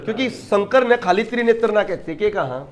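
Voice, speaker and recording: A man's voice: sits high, expressive, a little fast. A man teaching an exam-prep class, emphatic, asking questions and answering them himself.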